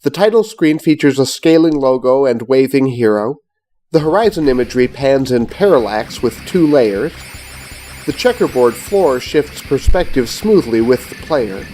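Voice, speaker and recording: A middle-aged man, giving scripted, measured and precise review narration as host of a retro gaming show. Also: mid-range voice, animated, mellow.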